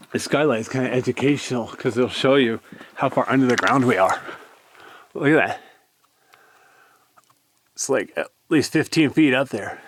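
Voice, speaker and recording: A man giving a casual, rambling tour commentary in a laid-back manner, filming himself exploring inside a cave. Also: medium pitch. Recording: clear background noise, handheld cave recording.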